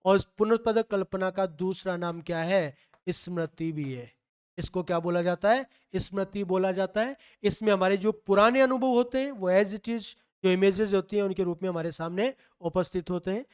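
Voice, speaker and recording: High-voiced man teaching exam psychology. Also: normal speed, smooth. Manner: asks a question, then answers it himself; repeats key terms. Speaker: teacher solving a test paper. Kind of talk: exam-prep lecture.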